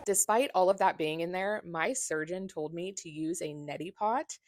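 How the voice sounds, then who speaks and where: Blunt, low-voiced woman vlogger. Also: normal speed, no room sound, clean studio sound. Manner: candid and blunt, with swearing. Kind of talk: casual personal vlog.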